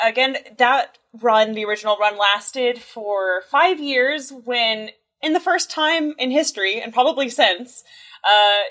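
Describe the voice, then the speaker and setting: A woman co-hosting a podcast in a casual comics discussion, relaxed, with fillers and small laughs. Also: a little high, measured pace. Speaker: podcast co-host.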